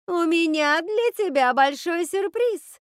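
Woman doing a shrill sing-song witch mother. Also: animated, normal speed, darkish tone, no room sound, clean studio sound, close to an everyday voice. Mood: sugary. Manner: sing-song, syrupy, melodramatic. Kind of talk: audiobook character voice.

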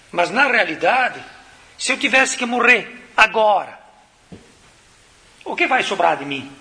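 A man's voice: very high-pitched, sharp tone. A man from southern Brazil giving a spiritual talk to an audience, asking rhetorical questions and answering them in a casual, conversational way. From Rio Grande do Sul, Brazil. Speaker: spiritist lecturer.

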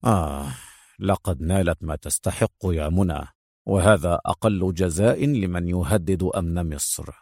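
A male narrator voicing a calm, confident spy hero in a low, unhurried, gently assured tone. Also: gravelly, no echo, studio quality, exaggerated voice.

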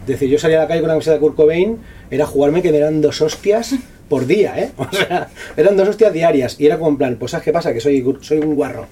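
Man, author at a bookshop event. Rapid, slangy and profane, with a fairly high, mellow voice, picked up from across the room. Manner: fast, slangy and profane, with many restarts. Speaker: author presenting his book. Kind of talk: casual talk at a book presentation. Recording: distant voice with faint room noise.

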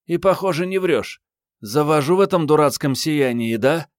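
Young woman, bold and mocking, sharp tongue, pitched well up; read by a man in an audiobook. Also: animated, moderate pace, no room sound, clean studio sound, natural voice. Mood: teasing. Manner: mocking, bold, coarse banter. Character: brash, sassy young woman, crude and teasing.

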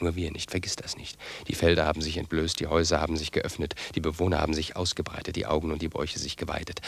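Radio play: a husky, gravelly man goading his brother, quick and flat. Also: rumbling low, full character voice. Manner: taunting, rapid-fire questions.

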